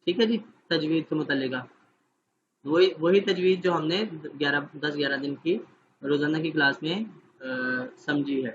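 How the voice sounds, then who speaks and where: A man's voice: fairly high pitch, steady tone, muffled recording, noisy background. Man giving an online teaching lesson. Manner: explanatory, checks understanding often. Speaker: Quran teacher trainer. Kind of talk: online training lecture.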